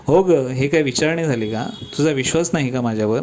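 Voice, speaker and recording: A man voicing a gentle, devoted young rickshaw driver who talks in an earnest, reassuring, fond way. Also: mid-range voice, fairly quick, a little hiss or hum, lightly acted.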